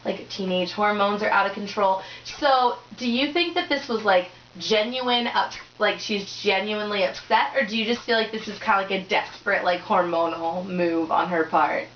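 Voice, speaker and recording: A woman's voice: mid-range voice, normal speed, few pauses, fairly bright tone, slight background noise. Chatty young woman leading a lesson. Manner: chatty, encouraging, many likes and ums. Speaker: tutor leading a discussion. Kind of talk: casual teaching conversation. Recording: roomy dull lo-fi recording.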